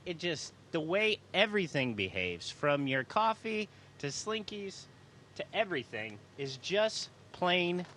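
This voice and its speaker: A man's voice: high-pitched, sing-song, unhurried, bright, forceful tone, a little hiss or hum. A man speaking as an astronaut, answering students' questions in a casual, folksy and enthusiastic way.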